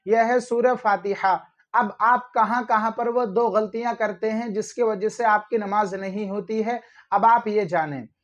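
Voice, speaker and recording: A man's voice: high-pitched, fairly even intonation, a bit bright. Man teaching prayer recitation, lo-fi. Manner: slow drawn-out recitation when demonstrating. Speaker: religious teacher. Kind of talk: instructional religious talk.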